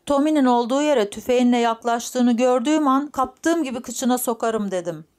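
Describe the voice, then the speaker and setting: A woman voicing a boastful, foul-mouthed old grandfather in an audiobook, talking loud and full of swagger. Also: a little high, normal speed, voice pushed up, natural voice. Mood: blustering.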